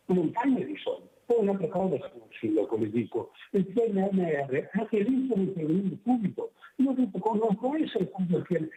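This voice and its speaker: A man phones in to a radio show on speakerphone, so his voice comes through muffled and lo-fi. His tone is dark and mellow, and he rambles indignantly, circling back to the same points. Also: sits high, reverberant. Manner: rambling, repeats himself, indignant. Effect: caller on speakerphone over a phone line. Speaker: caller. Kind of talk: call-in radio chat.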